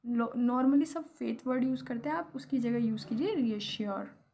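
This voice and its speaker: A woman's voice: a little high, normal speed, mellow, slight background noise. A young Indian woman teaching English vocabulary, explaining each word patiently with examples. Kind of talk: vocabulary lesson in Hindi.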